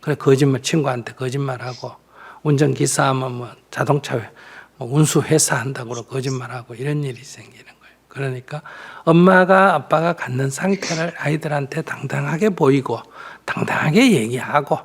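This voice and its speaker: Gravelly older monk giving frank advice. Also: male voice, medium pitch, normal speed. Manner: frank, plain-spoken, acts out mother's lines, laughs often. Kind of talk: live Q&A counseling talk.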